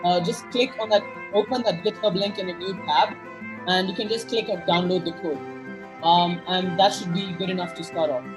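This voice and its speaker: Music plays behind this low-quality recording of a young Kenyan-raised man hosting a coding workshop over a video call. His high-pitched voice has fairly even intonation and a moderate pace, and his casual workshop talk is upbeat, filler-heavy, and full of "awesome."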